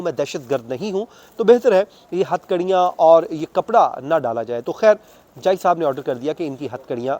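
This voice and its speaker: With a voice on the high side and a little mellow, a man with a Pakistani accent gives an unscripted news account as a court reporter. He speaks conversationally, laying things out step by step in detail and blending in English legal terms.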